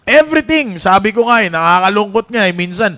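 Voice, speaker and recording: Brief: man, youth preacher, high voice, animated and joking, church sermon. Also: brisk. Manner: animated, joking storyteller who breaks into laughter. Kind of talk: casual Taglish sermon to young people.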